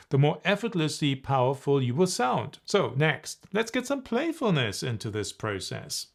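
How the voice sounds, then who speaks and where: A man coaching viewers on speaking expressively, teaching in a playful, animated way and demonstrating vocal exercises. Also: medium pitch. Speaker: presentation coach.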